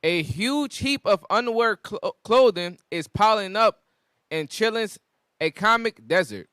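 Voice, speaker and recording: A man with a high voice in a close, dry recording. He reads news aloud in a halting way and speaks casually. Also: expressive, sharp tone, clean tone, no echo. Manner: halting reader, stumbles over words. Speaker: article reader on a group discussion show.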